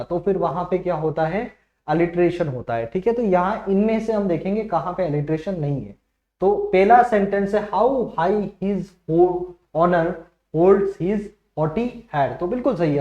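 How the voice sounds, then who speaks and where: A man teaching an exam-prep lesson, explaining in Hindi and reading the English examples out slowly. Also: high-pitched, dark tone. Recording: dull echoey room recording.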